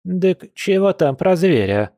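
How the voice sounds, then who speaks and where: A man's voice: high voice, sing-song, warm tone, dry recording, clean studio sound, pitched above the performer's own voice, heavily acted. A man voicing a grumbling, crafty old village grandmother in an audiobook, drawing out her words in a folksy, wheedling way. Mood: anxious, hushed. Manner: folksy, wheedling, drawn-out speech. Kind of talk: audiobook character voice.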